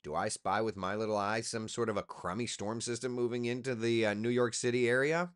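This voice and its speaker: A man's voice: medium pitch, steady tone, fairly quick, clean tone. A tired man, a TV weatherman, chatting casually on a live stream while walking through forecast maps. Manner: loose, chatty, talks to himself while working. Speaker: TV meteorologist hosting a live chat.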